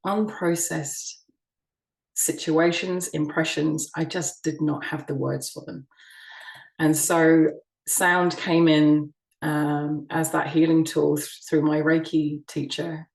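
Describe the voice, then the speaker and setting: Low, gravelly-voiced woman on a video call. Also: reverberant, recorded from a distance, poor audio. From United Kingdom. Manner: soft-spoken, gentle, frequent ums and restarts. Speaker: sound healing practitioner. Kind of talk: online summit presentation.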